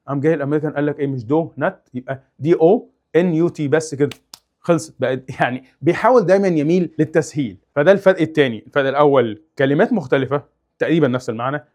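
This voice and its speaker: A young man with an Egyptian Arabic accent teaching English in a casual, animated way, exaggerating sounds to demonstrate them. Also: on the high side. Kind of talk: casual explanatory lesson.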